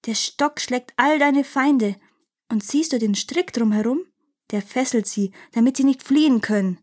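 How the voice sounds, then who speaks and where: A woman voicing small, spiteful male demons in a fairy tale reading, shrill and shrieking. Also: unhurried, darkish tone. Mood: greedy.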